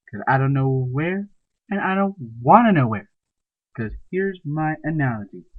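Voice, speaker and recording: Profane ranting man, tinny phone-like sound. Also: on the high side. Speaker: storyteller. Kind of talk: comedic ranting monologue.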